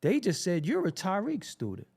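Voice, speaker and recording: A man's voice: high-pitched, wildly swooping pitch, moderate pace, gravelly, a little mellow, breathy edge. A man hosting a casual podcast, backing his guest with short affirmations and reading out chat comments. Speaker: podcast host.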